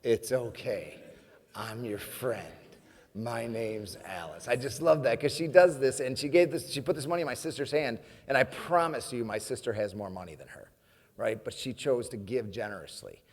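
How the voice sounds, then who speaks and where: A man's voice: mid-range voice, animated, fairly quick. A man giving a humorous motivational speech, telling a story with frequent laughter and addressing the audience as friends. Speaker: keynote speaker. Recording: long hall reverb.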